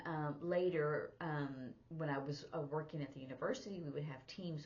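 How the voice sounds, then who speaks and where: A woman with a low voice, recorded with dull audio, gives an informal spoken sign language lesson. She is a sign language teacher and interpreter who rambles conversationally, explaining things through examples.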